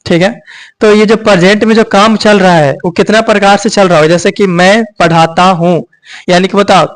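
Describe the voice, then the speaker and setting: High-pitched guy teaching a class, keeps asking "got it?" and answering his own questions. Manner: repeats "ठीक है" and "यही ना" often, checking students understand; asks rhetorical questions and answers them himself. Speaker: coaching teacher. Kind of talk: grammar lesson.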